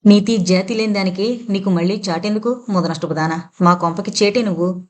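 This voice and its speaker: A woman's voice: medium pitch, brisk, darkish tone, natural voice. Give me a woman doing a scornful, enraged young woman hurling accusations in a storybook. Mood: outraged.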